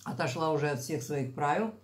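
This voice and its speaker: A woman's voice: sits low, brisk. A woman vlogger chatting casually to camera about her food while chewing, in a homely, rambling way. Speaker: mukbang vlogger.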